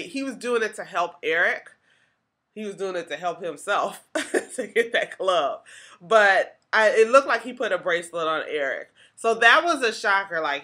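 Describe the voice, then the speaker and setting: A woman's voice: medium pitch, pushed and bright. A woman hosting a podcast, talking through a TV episode in a chatty, casual way with lots of "like" and restarts. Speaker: podcast host.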